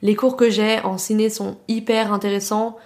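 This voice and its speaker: A woman's voice: medium pitch, flat delivery, normal speed, a little mellow. A young woman from France hosting a casual solo podcast, talking in a chatty, slangy way full of filler words. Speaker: podcast host.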